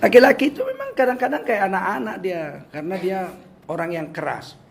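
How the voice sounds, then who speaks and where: An older male preacher with a Medan accent gives a humorous talk to his listeners. His voice sits high for a man, and he jokes and acts out the people he quotes. Faint ambience hums under the recording. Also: very animated, a little fast, gravelly, slight background noise. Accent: Medan Indonesian. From Medan, North Sumatra, Indonesia.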